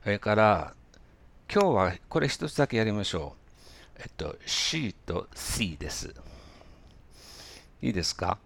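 Low gravelly-voiced male pronunciation teacher. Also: big pitch swings, a bit bright. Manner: hesitant, many fillers, slow drilled demonstrations. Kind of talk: relaxed spoken lesson.

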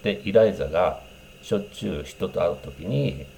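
Brief: male English teacher, low mellow voice, relaxed explainer with lots of fillers. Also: gravelly, slight background noise. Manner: unhurried, explanatory, many fillers, demonstrates English phrases. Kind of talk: casual spoken lesson on English greetings.

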